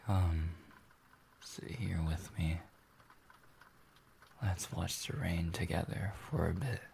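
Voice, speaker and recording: A man acts out a warm, intimate boyfriend in an ASMR role-play, soothing a sleepy partner from very close. His low voice is soft and creaky, and he takes his words extremely slowly. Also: a little hiss or hum, full character voice. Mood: tender, inviting.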